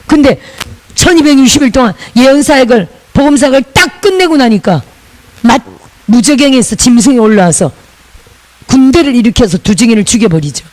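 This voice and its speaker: A woman's voice: on the high side, expressive, fairly quick, darkish tone, low-quality recording. A woman pastor from Busan, preaching a sermon in a chatty way with laughing asides and call-and-repeat lines.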